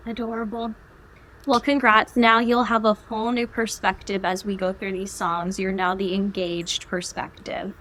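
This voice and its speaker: A young woman co-hosting a podcast, talking casually with a somewhat flat, monotone delivery. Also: medium pitch, moderate pace, slight background noise. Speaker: podcast co-host. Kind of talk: casual chat.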